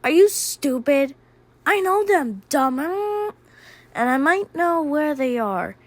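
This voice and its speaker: A woman voicing a bossy, rough teenage older brother who barks and insults. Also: high-pitched, very animated, slow, no echo, full character voice. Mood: scornful. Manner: barking, insulting.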